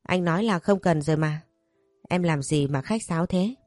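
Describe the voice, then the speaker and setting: A smooth, insinuating young schemer, as a woman reads him out in a storybook tale. The voice sits low and mellow, and it sounds dry and close. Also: normal speed, no echo, soft background music, lightly acted. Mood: teasing.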